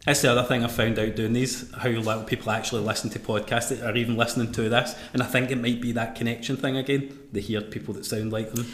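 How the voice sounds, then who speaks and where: A Scottish man hosting a live podcast interview, bantering with quick quips. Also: mid-range voice, level tone, fairly bright tone. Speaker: podcast host. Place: room at a live event. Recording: echoey room, faint noise.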